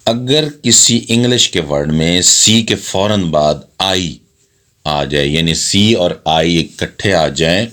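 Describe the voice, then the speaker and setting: Male phonics teacher, deep but crisp voice, deliberate pace. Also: fairly bright tone. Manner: slow, deliberate spelling-out of words. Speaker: English teacher. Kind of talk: phonics lesson.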